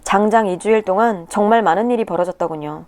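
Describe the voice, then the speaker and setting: A woman reading a personal story aloud in the first person, with emotive, tearful delivery and pitch swings. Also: fast, a little mellow. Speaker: narrator of a viewer's submitted story. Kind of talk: scripted first-person narration.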